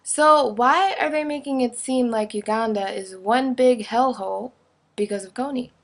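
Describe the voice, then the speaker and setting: A woman's voice: on the high side, moderate pace. A woman vlogger giving an earnest explanation, asking pointed questions. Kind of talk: explanatory commentary to camera.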